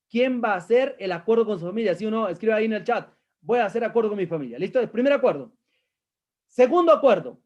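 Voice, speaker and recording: High-voiced man coaching emphatically. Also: darkish tone. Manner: emphatic, repeats key phrases, asks the audience questions. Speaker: life coach. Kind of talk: live-streamed motivational coaching session.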